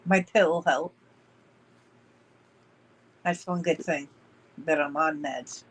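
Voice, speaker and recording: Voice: mid-range voice, steady tone, slow, husky, low-quality recording. A live-stream host chatting casually and affectionately with panel guests, using endearments. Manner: warm, affectionate, uses endearments.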